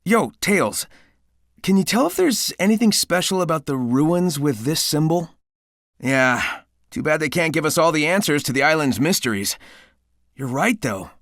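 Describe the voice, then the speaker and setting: A man's voice: a little high, very animated, moderate pace, a bit bright, no room sound, clean studio sound. A man voicing a cocky but caring young cartoon hedgehog hero in a video game, youthful, breezy, casual and confident. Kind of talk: video game character dialogue.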